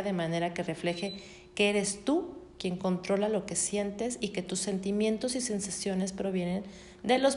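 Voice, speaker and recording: A woman reading a self-help text aloud in a steady voice, breaking off now and then for casual spoken asides. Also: medium pitch, a little hiss or hum. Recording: roomy echo.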